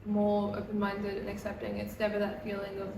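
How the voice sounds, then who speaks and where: An Australian woman in her 20s, a comedian who also produces comedy nights, chats casually in an interview, relaxed and talkative and full of "um" and "like." Her voice is medium-pitched, fairly quick, and creaky. The recording sounds echoey, with the mic far away and a noisy background.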